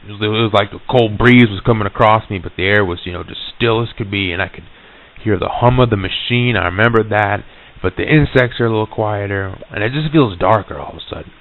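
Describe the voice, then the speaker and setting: A man's voice: fairly low pitch, quick pace. A man telling a personal ghost story in a rambling, folksy, profane way with many restarts, recorded on lo-fi reel-to-reel tape.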